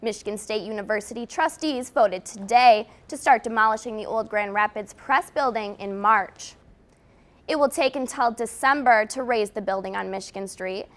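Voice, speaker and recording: A woman's voice: fairly high pitch, normal speed. An American woman reading scripted television news as the anchor.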